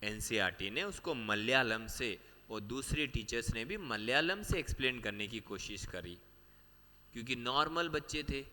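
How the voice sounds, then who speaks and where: A man teaching a biology class for exam prep. He explains step by step, repeats the key points and keeps asking the students quick questions. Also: mid-range voice, expressive, pushed and bright, in a large hall. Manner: explains step by step, mixing Hindi with English terms.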